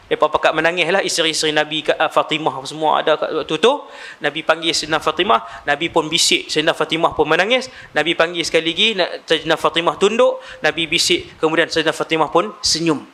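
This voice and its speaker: A man's voice: on the high side, fast, sharp tone. A male Islamic preacher, telling a story in a live lecture and asking his audience rhetorical questions.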